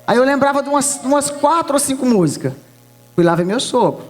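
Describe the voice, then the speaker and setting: A Brazilian woman with a high voice gives a lively testimony from the pulpit, telling her stories with animated, playful delivery. Soft music plays faintly behind her. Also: fairly quick. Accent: Brazilian Portuguese. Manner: lively storytelling with laughs, acts out voices. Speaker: preacher giving a testimony. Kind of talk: sermon testimony. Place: church.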